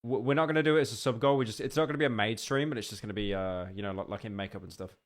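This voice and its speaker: A young man reacting on a live stream, rambling with stammered restarts and sudden excited outbursts. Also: lowish voice, very fast.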